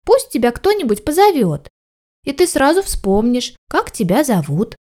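A woman voicing a clever, kind little male kitten in a high, patient, reassuring voice for a storybook reading. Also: very animated, normal speed, dark tone. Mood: helpful.

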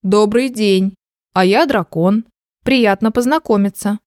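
A woman's voice: medium pitch, unhurried, darkish tone, no echo, clean studio sound, lightly acted. Woman doing a polite sniffly dragon. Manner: polite, formal. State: stuffy nose, sniffling. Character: huge polite male dragon with a cold.

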